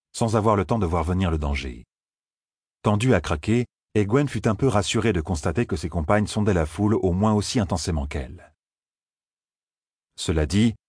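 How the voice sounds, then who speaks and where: A man reading an audiobook in a calm, measured storytelling manner. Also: deep voice, husky, dry recording, clean studio sound. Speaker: narrator. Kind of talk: audiobook narration.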